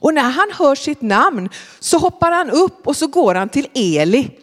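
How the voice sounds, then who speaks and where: A woman telling a Bible story to children in a large hall, often asking them questions. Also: high voice. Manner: animated, questioning the listeners.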